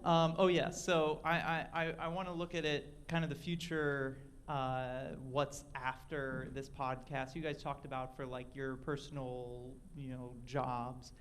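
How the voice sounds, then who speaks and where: A man's voice: mid-range voice, level tone, measured pace, few pauses, fairly bright tone. A man in the audience at a live podcast event who asks a long, rambling question full of fillers and restarts. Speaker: audience member asking a question.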